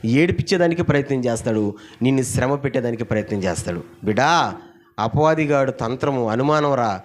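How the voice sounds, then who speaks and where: A middle-aged man preaching a Sunday sermon, calling out to the congregation for responses, firing off rhetorical questions and swinging between loud exclamations and low asides. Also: lively intonation, a little fast, a little hiss or hum. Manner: asks the audience many rhetorical questions. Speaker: pastor.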